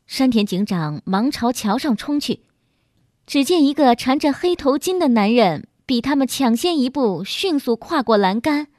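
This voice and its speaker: A woman tells a short mystery story with a lively, rising and falling voice, pitched a little high. The recording is dry and close to the mic. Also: no room sound. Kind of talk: storybook narration.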